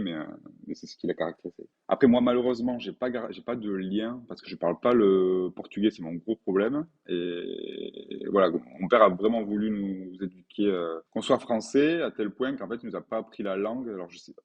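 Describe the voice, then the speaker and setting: Man in his 40s, from France, deep husky voice, quick earnest talk, dull lo-fi sound. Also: expressive. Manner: earnest, repeats words for emphasis. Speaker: podcast guest, painter. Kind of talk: conversational interview.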